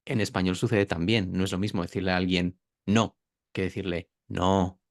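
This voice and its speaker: A man whose voice sits low explains pronunciation in an interview, where he's the guest and a pronunciation teacher. He speaks fast with fairly even intonation and demonstrates sounds by drawing out words. There's no room sound, and the quality is studio grade.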